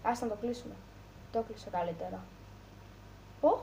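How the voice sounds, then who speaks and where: A woman's voice: mid-range voice, warm tone, slight background noise. A woman casually commentating on her gameplay with a mocking, joking running commentary. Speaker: gamer. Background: game sounds.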